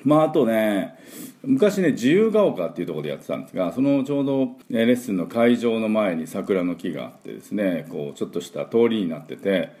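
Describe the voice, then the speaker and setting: A man teaching English pronunciation in a spoken lesson, demonstrating sounds and drilling words slowly for the listener to repeat. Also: on the low side, very animated, dark tone.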